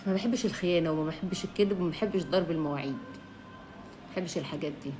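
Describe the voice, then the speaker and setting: A woman's voice: lowish voice, rapid-fire, background noise. Playful Egyptian woman live streaming. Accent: Egyptian Arabic. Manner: chatty, reads viewer names, teasing and playful. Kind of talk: casual live stream chat with viewers.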